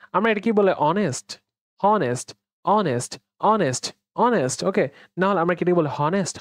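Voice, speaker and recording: A man's voice: fairly high pitch, no room sound, studio quality. A male English grammar instructor giving a classroom lecture, drilling pronunciation and asking and answering his own questions. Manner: drills pronunciation, repeating letters slowly; mixes English words into explanations, asks and answers own questions.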